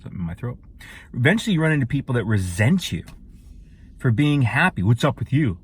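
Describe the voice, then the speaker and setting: A man's voice: medium pitch, very animated, fairly quick, slight background noise. A man talking to camera in a casual, rambling monologue that grows emphatic and profane. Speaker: vlogger.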